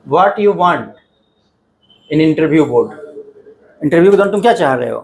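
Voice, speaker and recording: Speaking slowly in a gravelly, animated voice on the high side, a middle-aged man teaches a coaching class. He talks directly to his students in a chatty lecture style, repeatedly asking "ठीक है ना" to make sure they're keeping up.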